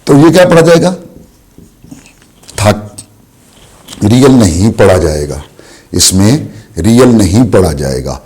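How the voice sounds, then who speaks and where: A man teaching a language lesson, explaining slowly and asking questions he answers himself. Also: lowish voice, very animated, darkish tone, husky. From Pakistan. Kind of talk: classroom lesson.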